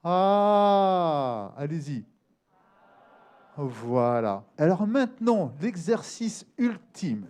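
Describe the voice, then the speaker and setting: A man's voice: on the high side, sing-song, normal speed, warm tone. A man coaching an audience on the voice, talking freely and animatedly and demonstrating vocal exercises for people in the room and on screen. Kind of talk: live workshop talk.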